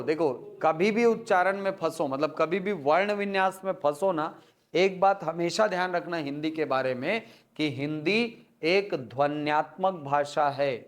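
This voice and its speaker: A man lectures to a room of students in a slow, deliberate way, taking words apart sound by sound. His voice sits a little high, and he keeps asking whether everyone has understood. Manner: checks with students often, spells words out slowly. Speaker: teacher. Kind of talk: classroom lecture. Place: classroom.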